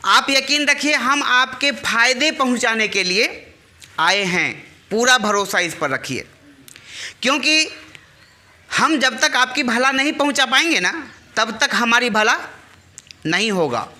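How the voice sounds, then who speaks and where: A man's voice: very high voice, expressive, a little slow, long pauses, bright, forceful tone. A man hosting a live talk for farmers at a village temple, coaxing them to answer back like a teacher and leading call-and-response chants. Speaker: channel host addressing farmers.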